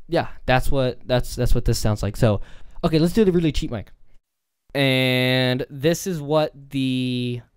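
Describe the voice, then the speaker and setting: A man casually chatting in a studio vlog, testing and comparing microphones, excitable and full of restarts. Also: mid-range voice, smooth. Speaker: vlogger. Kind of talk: casual gear-review chat. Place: studio room. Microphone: studio condenser mics, swapped between models.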